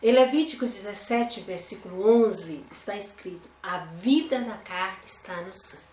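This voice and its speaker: A woman's voice: mid-range voice, moderate pace, a little mellow, roomy sound, a little hiss or hum. A woman teaching a Bible study lesson in a conversational way, often asking her listeners rhetorical questions.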